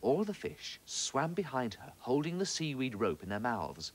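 A man reading a children's story aloud in an expressive, animated way. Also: medium pitch, normal speed.

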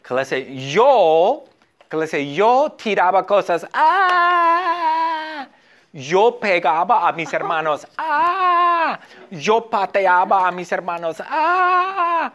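A man teaching a beginner language class through a story, animated and prompting students to repeat after him. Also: high-pitched, a little slow, few pauses. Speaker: Spanish teacher.

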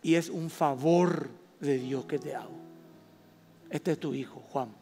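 A man with a Paraguayan Spanish accent preaching a sermon as pastor, stressing words slowly and rising loud at his high points. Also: soft background music. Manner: emphatic preaching with slow drawn-out stresses and sudden loud rises. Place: church hall. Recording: long reverb of a church hall.

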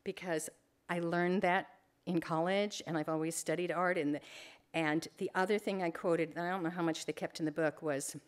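A woman's voice: on the low side, steady tone, moderate pace. An older woman photographer giving an informal library talk, chatty, rambling and openly emotional at times.

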